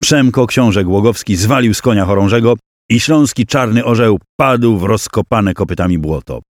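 A man with a fairly low voice reads a historical battle tale as an audiobook, acting out the shouts and cries of the characters within his narration. The sound is dry and close, with no room in it. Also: normal speed, dry recording.

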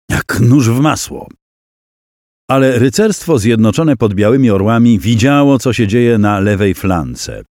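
A man with a fairly low voice reads a historical battle tale as an audiobook, acting out the shouts and cries of the characters within his narration. The sound is dry and close, with no room in it. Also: no echo.

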